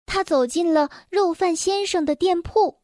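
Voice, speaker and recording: Slow, high-voiced woman storyteller. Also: no echo, studio quality. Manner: gentle, expressive, addresses children directly. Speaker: children's storyteller. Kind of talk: reading a children's story aloud.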